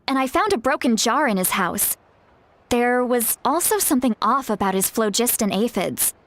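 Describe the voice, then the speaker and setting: An actress playing an earnest, caring woman guide in a fantasy video game, speaking in a measured, explanatory way. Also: fairly high pitch, natural voice. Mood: concerned, thoughtful. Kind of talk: scripted video game dialogue.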